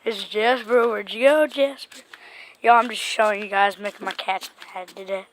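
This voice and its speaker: A woman's voice: medium pitch, fairly even intonation, moderate pace. A woman chatting casually in a pet vlog, coaxing her animals and laughing along. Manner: coaxing talk to pets, laughing. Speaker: vlogger. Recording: faint background noise.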